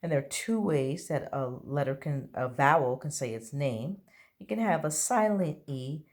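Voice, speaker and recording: A woman's voice: sits low, animated, normal speed. A woman teaching a phonics lesson to young children, patiently drawing out each letter sound. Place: at home.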